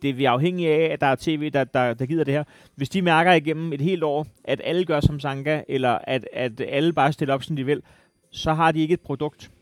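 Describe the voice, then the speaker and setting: A man's voice: fairly high pitch, dry recording. A man co-hosting a podcast, arguing his point in a heated casual debate and pressing the others with pointed questions. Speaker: podcast co-host.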